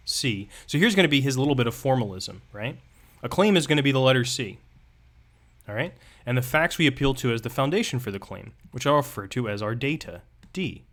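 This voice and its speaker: A man teaching rhetoric on a live stream, reading passages aloud and then explaining them in a loose, digressive, joking way. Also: medium pitch. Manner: casual, digressive, reads passages aloud then riffs with playful asides.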